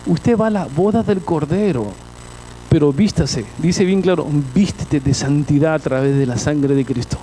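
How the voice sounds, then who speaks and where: A pastor giving a sermon, swinging between loud calls and hushed asides as he asks the congregation questions. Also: fairly high pitch, normal speed, slight background noise, low-quality recording.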